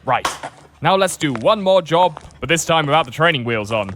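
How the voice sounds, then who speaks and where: A man voicing a cheerful, naive gentleman pirate captain who talks eagerly and stammers, with music behind. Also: a little high, animated, moderate pace, slight background noise. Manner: eager and hesitant, with stammering fillers. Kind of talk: comedic history video voice acting. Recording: music in the background.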